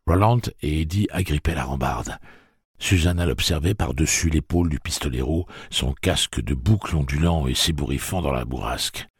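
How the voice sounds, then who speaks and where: Deep, gravelly male audiobook narrator. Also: moderate pace, no room sound, clean studio sound.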